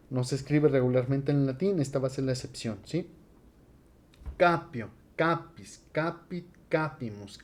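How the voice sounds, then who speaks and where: A man teaching Latin grammar in a relaxed, conversational classroom lecture, with frequent fillers. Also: mid-range voice. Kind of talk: casual classroom lecture at a board.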